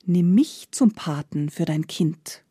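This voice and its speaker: A woman doing a softly whispering Death. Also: on the low side, animated, slow pace, slightly rough, no room sound, studio quality, full character voice. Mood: quiet. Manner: soft whispering. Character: Death, tall gaunt grey-cloaked male godfather.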